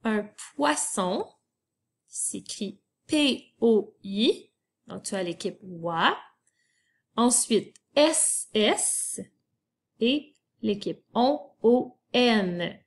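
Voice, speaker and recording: Slow, patient woman teaching spelling. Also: medium pitch, expressive. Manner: patient, spells words letter by letter. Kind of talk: slow spelling lesson for children.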